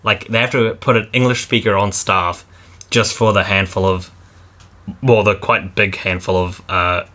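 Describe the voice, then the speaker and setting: A man co-hosting a vlog in casual chat, animated and laughing as he rants, out walking by a river. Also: lowish voice, normal speed. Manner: animated, laughs while ranting. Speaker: vlog co-host.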